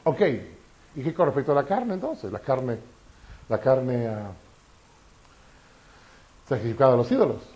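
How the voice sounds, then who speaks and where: A man's voice: mid-range voice, measured pace, long pauses. A man preaching a sermon, often asking the congregation questions. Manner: animated, asks the congregation questions.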